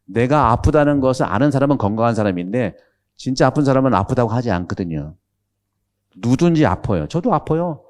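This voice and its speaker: Mellow-voiced male priest giving a chatty lecture. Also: mid-range voice, sing-song, a little fast. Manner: chatty and humorous, asks the audience questions; drops into regional speech when quoting. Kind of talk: conversational catechism lecture.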